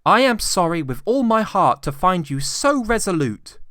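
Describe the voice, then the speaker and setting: A man voicing a cheerful, warm-hearted younger nephew, pleading earnestly in a storybook reading. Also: high voice, very animated, normal speed, no echo, studio quality, pitched above the performer's own voice. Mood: heartfelt cheer. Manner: pleading, exclamatory.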